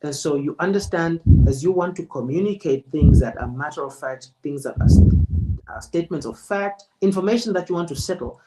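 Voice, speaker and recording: Measured man coaching a speaker. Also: a little high, background noise. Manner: measured, emphatic, deliberate. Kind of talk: spoken feedback to a presenter.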